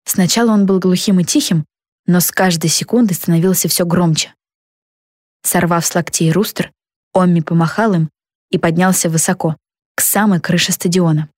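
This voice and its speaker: Woman narrating a storybook, lively, dry close recording. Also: lowish voice, moderate pace, no echo. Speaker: audiobook narrator.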